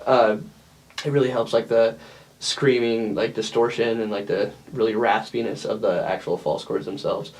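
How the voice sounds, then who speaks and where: A man who sings in a band, explaining a vocal technique in an informal, loose and halting way, as in a casual lesson. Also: lowish voice, steady tone, low-quality recording. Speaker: metal band vocalist giving a tutorial. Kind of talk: casual instructional chat.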